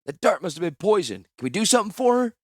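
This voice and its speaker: A man's voice: high voice, big pitch swings, quick pace, dry recording, clean studio sound, pitched above the performer's own voice. A man voicing a grieving young male sailor who pleads in a rising, strained voice. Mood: pleading.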